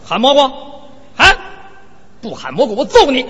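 A man voicing a rough, bullying male fighter who scolds and threatens. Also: extremely high pitch, wildly swooping pitch, moderate pace, a bit bright, exaggerated voice. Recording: reverberant hall, dull lo-fi sound.

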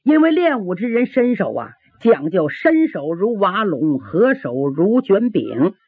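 A woman's voice: medium pitch, sing-song, a little slow, husky, dry recording. A woman telling a traditional martial arts story dramatically, with vocal sound effects and rhythmic listing, on a tinny old radio broadcast. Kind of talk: traditional Chinese pingshu storytelling.

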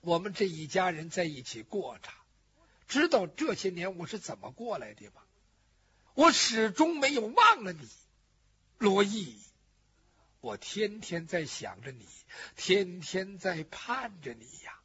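A man voicing a grieving middle-aged mother who was abandoned by her husband, telling her story with a drawn-out lament. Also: high voice, very animated, pushed and bright, full character voice. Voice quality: very husky. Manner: lamenting, drawn-out sung-like phrasing. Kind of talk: storytelling performance in first person. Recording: dull lo-fi recording.

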